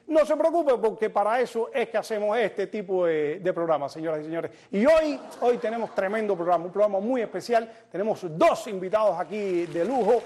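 Man, comedian host, fairly high voice, chatty stand-up jokes. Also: expressive, a little fast, hardly any pauses, a little mellow. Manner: joking, addresses audience directly. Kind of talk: stand-up monologue.

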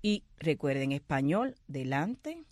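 A woman co-hosting a casual talk show, explaining punctuation in a lively way and acting out example phrases. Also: low voice, slow, no room sound. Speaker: co-host explaining Spanish grammar. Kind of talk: casual radio chat.

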